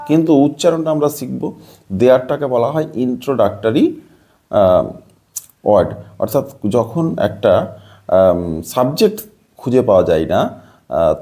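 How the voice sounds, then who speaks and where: A man from Bangladesh explains a pronunciation lesson. He is patient and repetitive, spelling words out sound by sound. His pitch moves in a lively way and his tone is mellow. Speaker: English teacher.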